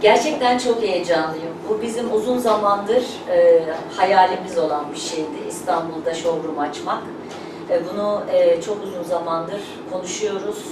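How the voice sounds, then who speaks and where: A woman's voice: fairly low pitch, normal speed. Earnest woman giving thanks in an echoey room. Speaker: company representative hosting a showroom opening. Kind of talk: informal thank-you speech. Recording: echoey room, distant mic, noisy background.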